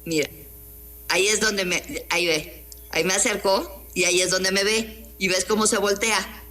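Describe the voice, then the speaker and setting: A woman's voice: mid-range voice, steady tone, normal speed, pushed and bright. A middle-aged woman journalist with a Mexican accent, giving an emphatic, indignant interview and asking rhetorical questions. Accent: Mexican Spanish. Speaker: journalist and columnist. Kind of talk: interview on news program.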